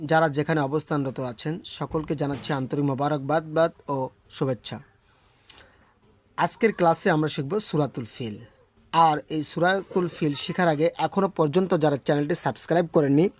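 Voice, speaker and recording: A man's voice: fairly high pitch, darkish tone, dry recording. A man teaching Quran recitation, patiently explaining correct pronunciation and correcting common mistakes. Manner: demonstrates recitation in slow drawn-out chant.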